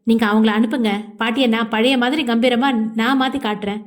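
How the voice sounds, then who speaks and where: A woman's voice: a little high, steady tone, quick pace, natural voice. A woman voicing an earnest, caring young woman.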